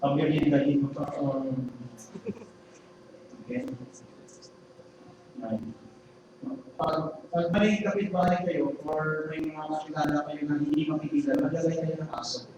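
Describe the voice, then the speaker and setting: A man's voice: a little high, a little slow, long pauses, dull audio. A man with a Filipino accent preaching a sermon in a chatty way, often checking in with the congregation with little tag questions. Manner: conversational, peppered with "okay?" and "no?" tag questions. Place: large church hall. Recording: echoey hall, mic at a distance, noisy live stream.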